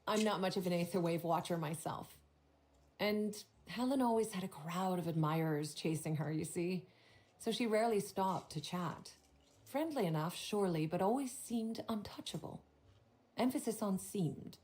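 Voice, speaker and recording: Woman doing a prim gossipy hotel clerk, kinda low voice, video game dialogue. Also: moderate pace, a little mellow, close to an everyday voice. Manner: formal, polite, then catty and gossipy.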